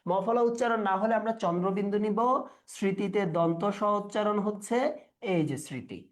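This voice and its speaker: A male teacher, running a live online exam-prep class. He quizzes the students and repeats words slowly to drill their pronunciation. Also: high voice.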